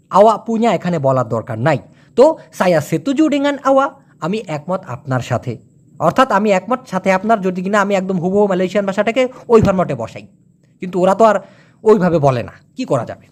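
Chatty man teaching with lively pitch. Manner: chatty, joking, drags out example words slowly. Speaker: language teacher. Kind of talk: casual language lesson.

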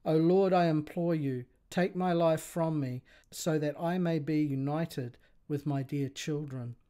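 A man's voice: fairly high pitch, fairly even intonation, unhurried, dark tone, close to an everyday voice. A man reading the lines of a grieving, defiant mother of seven sons in a story told aloud. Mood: prayerful. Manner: pleading then defiant, read aloud.

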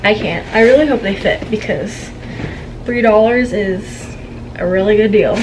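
A woman's voice: mid-range voice, a little slow. A young woman vlogger in casual haul chat at home, talking to a camera, chatty and giggly as she tells stories. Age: young adult. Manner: chatty, giggly, gossipy storytelling. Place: home room, indoors. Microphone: camera on a tripod, seated. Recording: noisy home room.

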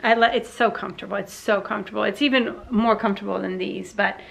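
A home vlogger in her forties with a Southern American accent rambles chattily in her living room, holding the camera at arm's length. Her mid-range voice is fast, fairly bright and steady, with vocal fry. She uses many fillers and restarts.

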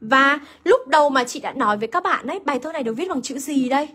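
A woman with a high-pitched, slightly bright voice and lively intonation talks fast while teaching an online literature lesson that explains a poem. She asks her students questions, answers them herself and repeats key points.

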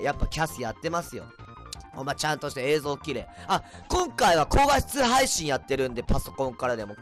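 Man, tipsy home livestream chat, rambling and erratic, fairly high voice that swings up and down, faint music behind. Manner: rambling, erratic, jumps to loud outbursts. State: tipsy from drinks. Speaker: livestreamer, band vocalist. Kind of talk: casual livestream chat reading comments. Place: at home, indoors. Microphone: cheap desk mic.

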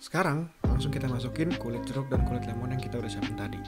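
A young man in his twenties giving a casual, chatty cooking tutorial in a home kitchen, filmed by a camera at a distance. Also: mid-range voice. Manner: relaxed, chatty, drawn-out words. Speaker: cooking vlogger. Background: loud music.

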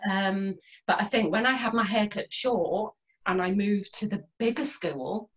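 With a mid-range, slightly bright voice and a measured pace, a middle-aged woman looks back on her life as a casual interview guest. Born in Liverpool and living in North Wales, the holistic therapist joins the video call from a small room at home via her computer microphone.

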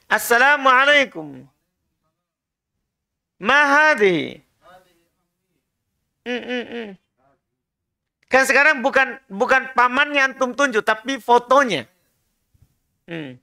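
A man's voice: extremely high pitch, unhurried, long pauses, pushed and bright. A man teaching an Arabic class, drilling his students with patient, repeated prompts and corrections. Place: prayer room classroom.

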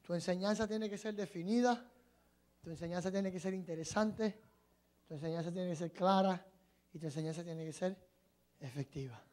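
High-voiced impassioned man preaching. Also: moderate pace, pauses often. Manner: swings from shouted, tearful climaxes to quiet teaching. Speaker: preacher teaching a teachers' workshop. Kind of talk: impassioned sermon testimony.

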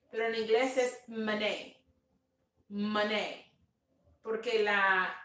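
A woman pastor speaking slowly and tenderly on a livestream, sharing a testimony and greeting viewers, sometimes slipping in English words. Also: fairly high pitch, a bit bright, roomy sound, recorded from a distance. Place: home room, dim. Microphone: phone on a live stream.

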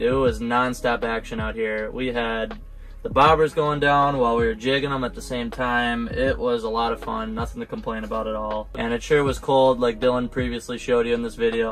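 This is a young man with a mid-range voice, neither high nor low, talking his way through an ice fishing session. He keeps it relaxed and conversational and drops to a low murmur as fish come up. The shelter's wide camera picks him up, and music plays underneath. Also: low-quality recording. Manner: laid-back, often murmured low while reeling in fish. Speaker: fishing vlogger. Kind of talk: casual fishing play-by-play. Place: inside an ice fishing shelter on a frozen lake.

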